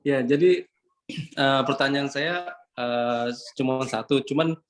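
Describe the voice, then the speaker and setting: Man with a medium-pitched voice. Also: slow. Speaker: company founder asking questions. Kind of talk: polite casual question-and-answer chat.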